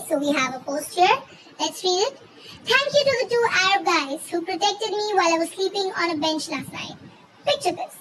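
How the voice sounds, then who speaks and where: Female host, squeaky chipmunk cartoon voice with pitched-up effect, extremely high; informal, rambling commentary over clear background noise. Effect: pitched-up chipmunk filter. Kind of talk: casual commentary reading online posts aloud.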